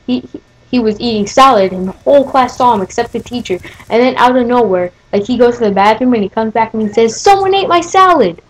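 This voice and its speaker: A woman's voice: a little high, a little mellow, rough recording. A teenage-sounding woman telling a story casually over gameplay, rambling with many fillers and restarts. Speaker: gaming video host.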